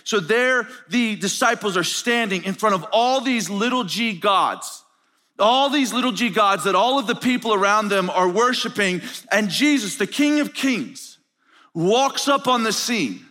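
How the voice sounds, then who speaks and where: A man preaching at a conference with a high, bright voice. He tells the story with energy and drive. A long reverb hangs in the hall behind him. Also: lively intonation, unhurried. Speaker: pastor. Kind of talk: sermon. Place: conference stage.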